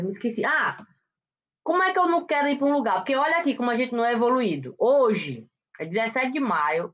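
Woman, high voice, swooping intonation, casual gossip chat, dull lo-fi sound. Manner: chatty, exclamatory, dramatic asides. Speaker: gossip show host.

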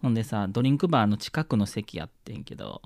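A man's voice: lowish voice, animated, quick pace, a little mellow, no echo, clean studio sound. A man with a Kansai accent co-hosting a podcast, chatting casually and acting out the people in his story. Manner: chatty storyteller who acts out overheard people. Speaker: podcast co-host. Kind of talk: casual chat.

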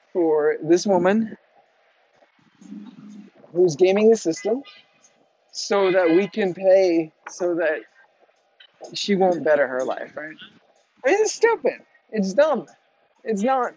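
A man's voice: fairly high pitch, darkish tone, dull audio. A man giving a blunt motivational monologue to his viewers outdoors, swearing freely and tagging his points with "right?". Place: outdoors in the wind.

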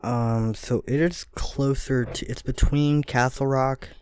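A man's voice: mid-range voice, fairly even intonation, slow, a little mellow, smooth, dry recording, studio quality. A man co-hosting a podcast, casually chatting and reading out facts in an easygoing, matter-of-fact way. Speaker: podcast co-host. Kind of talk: casual chat, reading research notes.

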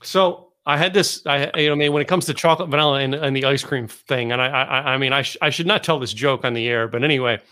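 A man's voice: medium pitch, fast, few pauses, sharp tone, clean tone. A man hosting a podcast interview, chatting casually and rambling through stories with restarts and chuckles. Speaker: podcast host. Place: Dallas area.

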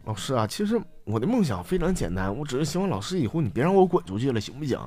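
A cheeky schoolboy, as a man puts him on, soft and wheedling. The voice drops lower and quieter than the narration. Faint music runs behind it. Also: very animated, very fast, no echo. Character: cheeky schoolboy pleading with his teacher.

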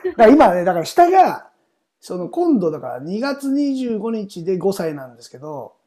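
A man's voice: sits high, big pitch swings, moderate pace, dark tone. A middle-aged man hosting a podcast, speaking in a chatty, informal way as interviewer and narrator. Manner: chatty, informal, seeks agreement often. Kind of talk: casual interview chat and programme narration.

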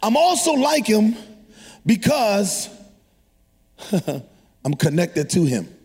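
A man delivers a sermon in a high voice that rings through a large hall with long reverb. He is exhortative yet conversational, addressing his listeners directly and prompting them with questions. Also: sing-song, slow pace, darkish tone. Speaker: preacher. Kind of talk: energetic sermon to a congregation. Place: large hall, preaching to a live congregation.

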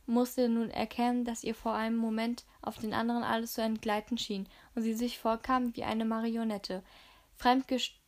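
Woman reading a novel, fairly high voice, often stumbles and restarts. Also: flat delivery, normal speed, a little mellow. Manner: reading with frequent slips and restarts. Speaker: audiobook reader.

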